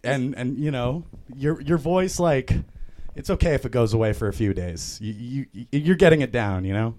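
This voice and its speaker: A young man from Vermont talks about his band as a guest. His delivery is laid-back and slangy, with plenty of fillers. His voice sits at an ordinary middle pitch. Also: expressive, normal speed, a little mellow. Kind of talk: casual chat.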